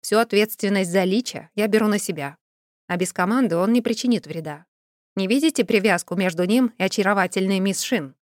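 A woman's voice: medium pitch, fairly quick, no room sound, close to an everyday voice. Blunt young necromancer man, read by a woman, level and dry, close studio sound, storybook. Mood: deadpan. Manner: level, dry and matter-of-fact. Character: cool-headed young male necromancer, blunt and unflappable.

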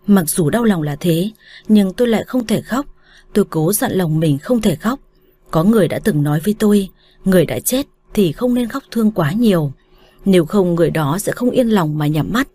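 Reading aloud as an audiobook narrator, this woman delivers a first-person romance in a lowish voice, steady and composed.

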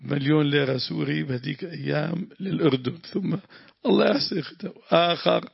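A man's voice: on the high side, brisk, gravelly, slightly rough, dry recording, dull audio. A man, teaching a religious lesson, explaining grammar and breaking into prayers. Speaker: sheikh teaching tafsir.

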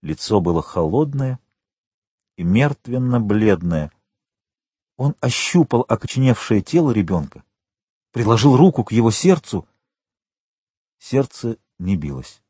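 A man narrating an audiobook in a dramatic, expressive reading. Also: fairly low pitch, a little slow, long pauses, breathy edge, dry recording.

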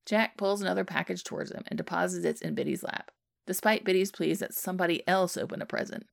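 A woman reading a fan fiction story aloud as narration in a steady, even way. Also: fairly low pitch, fast, gravelly, no room sound, studio quality. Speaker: podfic reader.

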